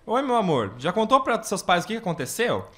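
A man's voice: high voice, sing-song, a little fast, pushed and bright, full character voice. A man playing an earnest, lovestruck young seminarian in a radio soap opera. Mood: affectionate.

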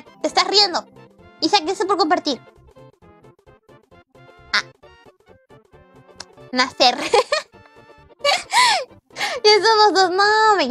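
A woman's voice: high-pitched, fairly bright tone. A young woman, chatting playfully on a live gaming stream, teasing and mock-exasperated as she thanks viewers by name. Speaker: VTuber streamer.

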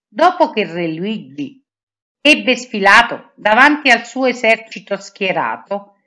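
Slow, expressive woman reading a story. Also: medium pitch. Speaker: storybook reader. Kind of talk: reading a children's story aloud.

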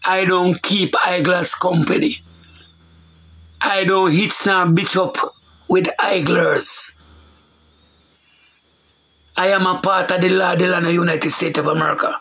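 Jamaican guy preaching, high husky voice, says things over and over. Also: level tone, a little slow, long pauses, sharp tone, poor audio. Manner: repetitive, emphatic preaching with Jamaican patois. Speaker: preacher on a talk show. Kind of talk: loose preaching monologue.

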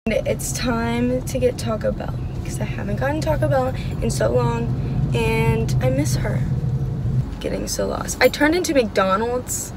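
A young adult American woman talks casually and dramatically to camera, telling a story like a vlogger, in a voice on the high side at a measured pace. She's inside a car, partly driving, filmed by a dashboard-mounted camera. Loud car and road noise fill the recording.

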